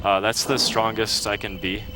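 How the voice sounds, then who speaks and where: A man, a speedrunner, gives relaxed live commentary as he plays, explaining tricks with small restarts and fillers. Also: fairly low pitch, moderate pace, music in the background. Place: live charity marathon event.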